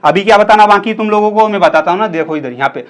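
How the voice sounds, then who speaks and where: A man's voice: sits high, fast talker, a bit bright. A young man teaching Hindi grammar in a casual lecture, chatty and asking his students questions as he explains, sometimes stretching vowels out to show how they sound.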